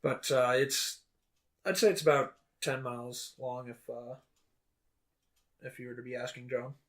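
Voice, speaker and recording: A man running a tabletop game as dungeon master, describing the scene in a loose, rambling way. He fills his pauses with plenty of uh's and restarts, at a middling pitch. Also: steady tone, a bit bright. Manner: loose, rambling, many fillers.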